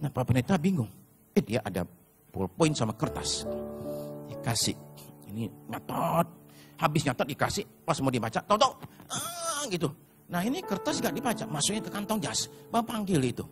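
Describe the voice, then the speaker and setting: A man delivers a sermon to his congregation, weaving in stories and direct address. His voice sits a bit high and swings widely in pitch. Faint music runs underneath. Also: sing-song, a little fast. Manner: storytelling with shouted put-on voices and congregation address. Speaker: pastor.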